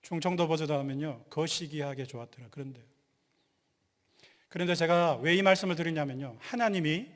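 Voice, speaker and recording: A male pastor giving a lively sermon, quizzing the congregation and joking with them. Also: a little high, brisk, long pauses. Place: church sanctuary. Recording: long hall reverb.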